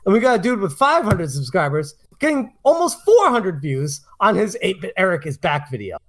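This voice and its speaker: A man's voice: high voice, very animated, moderate pace. A man hosting a podcast, giving casual commentary and emphatically repeating his points. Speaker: podcast host.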